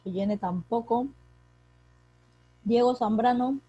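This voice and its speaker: Woman teacher on a video-call lesson, higher voice, dry, patient question-and-answer drilling. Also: slow pace, warm tone, slightly rough, no echo, muffled recording. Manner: calls on pupils by name, asks and answers her own questions. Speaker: secondary school teacher. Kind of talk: online class explaining grammar. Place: home, online class. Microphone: computer mic on a video call.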